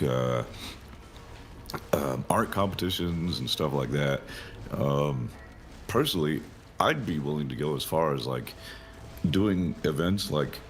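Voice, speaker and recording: Answering interview questions, a man who develops games wanders through his thoughts out loud, leaning heavily on filler words. His voice has a rumbling low quality.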